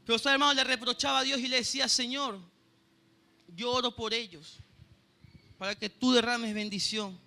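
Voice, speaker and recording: A man's voice: very high voice, steady tone, moderate pace, creaky, pauses often, sharp tone, soft background music. A man with a Venezuelan Spanish accent preaching a sermon and sharing a personal testimony, earnestly and often stopping to ask his listeners if they know. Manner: earnest, keeps asking "¿sabe, hermano?". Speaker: church pianist preaching.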